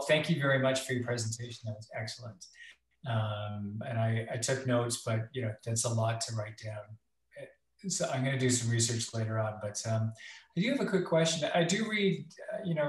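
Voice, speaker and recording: Man, patient asking a question, hesitant, halting, echoey room, video call. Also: medium pitch. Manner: hesitant, many fillers and restarts. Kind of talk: casual questions in a video chat.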